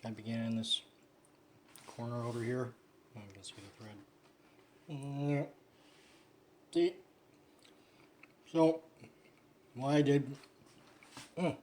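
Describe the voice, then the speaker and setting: A man talks casually through a hands-on craft vlog, his pitch sitting in an ordinary middle range. He rambles, trails off and swears offhandedly as he works. The tone is loose and unpolished, like thinking out loud. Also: steady tone, takes it slowly, pauses often, slight background noise. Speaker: vlogger. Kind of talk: casual how-to chat while sewing.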